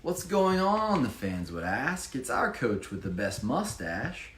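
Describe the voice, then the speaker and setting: A children's book author reads a rhyming picture book aloud with dramatic emphasis and informal asides. He has a mid-range, slightly bright voice, delivered very animatedly and a little slowly, in an echoey room with faint background noise.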